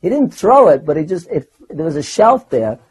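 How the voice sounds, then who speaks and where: An older man recounting personal memories in a rambling, animated way, often restarting his sentences. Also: fairly high pitch, normal speed, breathy edge, poor audio. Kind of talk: personal anecdote storytelling.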